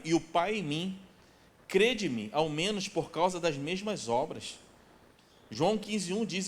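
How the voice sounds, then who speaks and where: A man in his forties preaching a sermon as pastor in a church, emphatic, repeating key phrases and dropping to a soft pleading tone. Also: high voice. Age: 40s. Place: church sanctuary.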